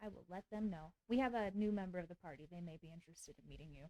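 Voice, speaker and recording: A woman's voice: fairly low pitch, very fast, dark tone, low-quality recording. A woman playing in a tabletop role-playing game, speaking in casual banter with the group.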